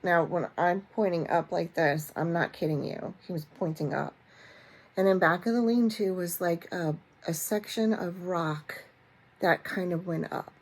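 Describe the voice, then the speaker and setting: A woman hosting a vlog, telling a story to camera in a chatty, animated way with many fillers and restarts and a self-mocking sense of humor. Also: on the low side, measured pace. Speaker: vlog host. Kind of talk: casual storytelling chat to camera.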